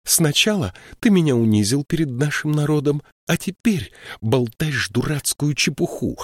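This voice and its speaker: A man's voice: medium pitch, no room sound, studio quality, voice pushed up. A man doing a fiery young troll woman. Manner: scolding, sharp exasperated outbursts. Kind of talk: audiobook character voice.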